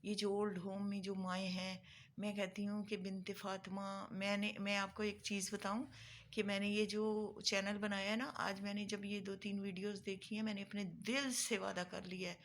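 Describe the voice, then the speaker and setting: Woman vlogger, mid-pitched, tearful and earnest, repeats herself to press the point. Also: little pitch movement, slight background noise. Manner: earnest, pleading, repeats phrases for emphasis. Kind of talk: emotional monologue to viewers.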